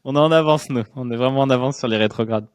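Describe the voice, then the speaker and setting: A man talks casually and warmly to his listeners as a co-host, sometimes slowing and groping for words. His voice sits in a middle pitch, and the sound is dry and close. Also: clear, resonant tone, dry recording. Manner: friendly, addresses listeners directly, slow and searching at times. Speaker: astrology coaching co-host. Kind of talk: casual chat.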